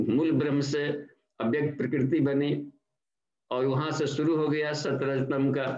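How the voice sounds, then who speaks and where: An older man from India, giving a slow, explanatory devotional lecture as a spiritual trainer and slipping English words into his talk. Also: mid-range voice, a little mellow. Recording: dull, echoey online class audio.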